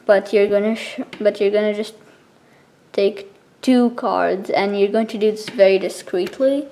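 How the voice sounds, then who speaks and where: A woman explaining something step by step in a casual, informal tutorial style, with halting pauses between steps. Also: mid-range voice, mellow. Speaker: card trick tutorial presenter.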